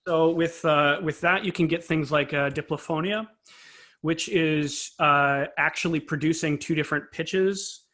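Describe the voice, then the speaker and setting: This interview guest, a composer and conductor with a fairly high voice, explains technical matters informally and analytically, careful about exact wording. His intonation is fairly even, his pace a little slow, and his tone bright and forceful.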